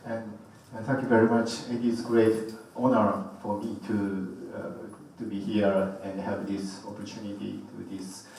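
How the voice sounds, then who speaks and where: A man from Japan with a Japanese accent, a native Japanese speaker giving an academic lecture in halting, broken non-native phrasing. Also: lowish voice, flat delivery, vocal fry, darkish tone. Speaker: professor giving a guest lecture. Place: large echoey indoor lecture room. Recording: very echoey hall, distant mic, faint noise.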